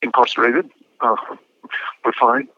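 A man in his fifties speaking as an incarcerated interview guest over a prison phone line, measured and a little hesitant, with small restarts. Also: mid-range voice, level tone, bright, forceful tone, no room sound. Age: 50s. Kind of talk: telephone interview. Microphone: prison telephone handset. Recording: muffled phone line, dry.

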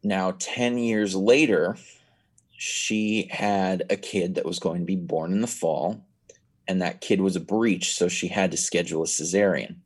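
A nineteen-year-old man appears as a podcast guest in a casual chat, telling stories in a rambling way and restarting often. His voice sits low, with an unhurried pace and a breathy edge.

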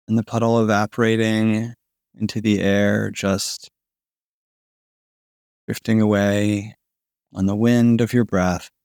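A man narrating a guided sleep meditation in a slow, soothing manner with long pauses, like a sleep story narrator. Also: fairly low pitch, level tone, darkish tone, no room sound, studio quality. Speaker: podcast host guiding a sleep meditation.

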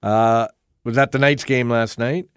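A man's voice: mid-range voice, steady tone, unhurried, clean tone, dry recording, clean studio sound. A man with a Canadian accent co-hosting a radio show, mixing casual chat with show promotion. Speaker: radio co-host.

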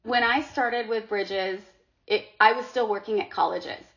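A middle-aged woman from Sri Lanka, guesting on a podcast, speaks at a relaxed pace with a fairly high, slightly bright voice and fairly even intonation. She is earnest and casual, often repeating words, on dull lo-fi audio.

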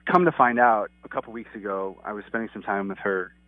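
A lower-voiced man comes through a thin, clipped phone line with a dry sound. He talks earnestly and rambles, stopping and restarting his thoughts as a guest on a call-in interview. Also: brisk, no room sound. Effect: clipped phone line that cuts out. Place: outside his office.

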